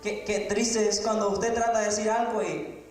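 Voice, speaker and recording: A man with a very high voice preaches a sermon in a church sanctuary. He shouts at the peaks and teases the congregation with playful questions. The hall rings with heavy echo, and music plays behind him. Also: little pitch movement, normal speed. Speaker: pastor.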